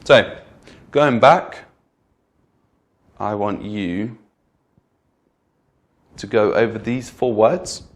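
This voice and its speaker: A man teaching an online English pronunciation lesson, patiently repeating example words and slowing down to show which words carry stress. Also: on the low side.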